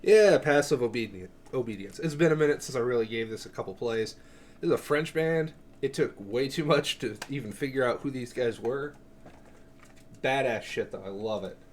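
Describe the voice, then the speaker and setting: This music collector presents his cassettes in a mid-range, darkish voice with lively intonation at a moderate pace, and a little hiss or hum is audible. His show-and-tell is offhand and rambling, profane and full of self-interruptions.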